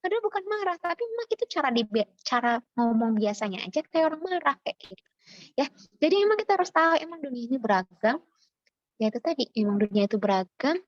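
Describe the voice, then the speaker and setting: A woman from Java, a university lecturer, speaking in a chatty, animated way with many fillers, as a webinar speaker. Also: sits high, quick pace, no echo, lo-fi sound. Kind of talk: informal lecture. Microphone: video call.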